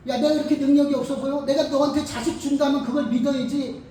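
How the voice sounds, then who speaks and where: A preacher voicing God as a stern, commanding figure who rebukes, in a loud, emphatic telling of a Bible story. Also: mid-range voice, expressive, brisk, heavy reverb, recorded from a distance, lightly acted. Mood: scolding.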